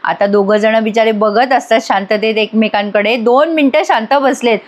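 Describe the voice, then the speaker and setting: Chatty voice-over reviewer, woman, higher voice, talks straight to viewers. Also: normal speed. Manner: chatty, addresses viewers directly. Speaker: serial reviewer. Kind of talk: voice-over episode recap.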